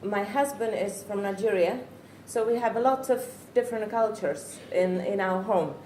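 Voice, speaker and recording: Recorded in an echoey room with faint noise, a middle-aged woman from the Czech Republic speaks at normal speed in a medium-pitched, darkish voice. A native Czech speaker with a Czech accent, she reflects earnestly on being a parent, sometimes searching for her words.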